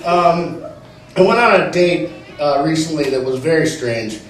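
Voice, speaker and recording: High-voiced man doing stand-up in a roomy club. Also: a little slow, distant mic. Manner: chatty, self-mocking. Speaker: stand-up comedian. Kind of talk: stand-up set. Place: comedy theater. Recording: roomy club recorded from afar. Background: audience laughter.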